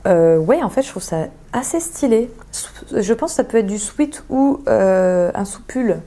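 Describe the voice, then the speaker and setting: A woman's voice: mid-range voice, animated, moderate pace, warm tone. A young woman chatting casually as a sewing vlogger, thinking aloud with lots of hesitations as she describes fabrics. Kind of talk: casual chat.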